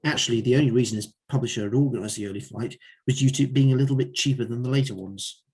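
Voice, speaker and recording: Male reader at an open mic, wry narration of his own fiction, husky, mid-pitched voice. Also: rapid-fire, a little mellow.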